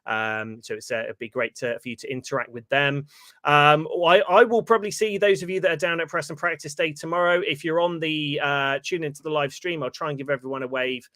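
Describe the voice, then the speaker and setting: Casual male host, slightly high, bright tone, relaxed banter. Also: brisk, no echo. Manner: chatty, laughs easily. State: tired. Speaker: podcast host. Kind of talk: casual live-stream chat.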